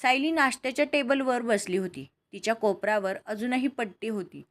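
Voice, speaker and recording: Brief: steady, calm woman narrating a family drama. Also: on the high side, fairly quick. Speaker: storyteller. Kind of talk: scripted story narration.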